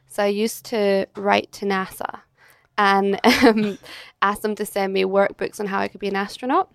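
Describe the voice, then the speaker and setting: A woman's voice: mid-range voice, fairly even intonation, normal speed, creaky, no room sound, clean studio sound. A Scottish woman in her thirties, telling stories as a chatty interview guest who laughs often. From Scotland. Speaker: guest, agency director. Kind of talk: casual interview chat. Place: hotel.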